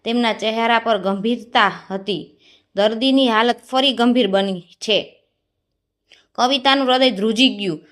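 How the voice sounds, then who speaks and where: A woman reading an emotional village story aloud, gently voicing every part herself. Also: fairly high pitch. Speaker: narrator. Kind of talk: storybook narration.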